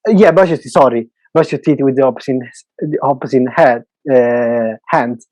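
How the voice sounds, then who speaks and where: Speaking English with an Italian accent, this Italian podcast host in his twenties chats casually, sounding eager and talkative while hunting for words. He has a mid-range, darkish voice and a moderate pace, recorded with no echo.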